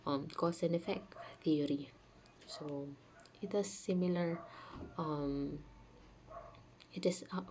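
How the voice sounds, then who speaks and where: A channel host gives a casual spiritual talk to camera from home, dogs nearby, her low voice soft, dark and mellow. She's sick and chats loosely with lots of fillers while explaining ideas to her viewers, with faint room noise behind her.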